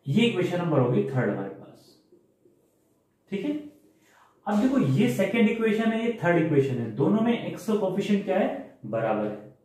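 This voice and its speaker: A man teaching a maths lecture, explaining step by step and often pausing to ask if students follow. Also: high-pitched, big pitch swings, warm tone. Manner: explains step by step, asks rhetorical check questions. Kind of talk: classroom lecture. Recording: very echoey room.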